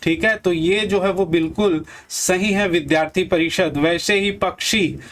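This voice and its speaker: A man teaching Hindi grammar for exam prep, slowly repeating each word and quizzing his viewers. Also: high-pitched, a bit bright.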